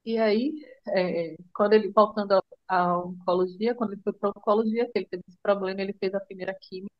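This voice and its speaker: A middle-aged woman with a Brazilian Portuguese accent, telling her son's illness story in a tender, halting way with many restarts. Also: medium pitch, fairly even intonation, no echo, muffled recording. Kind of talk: emotional personal storytelling.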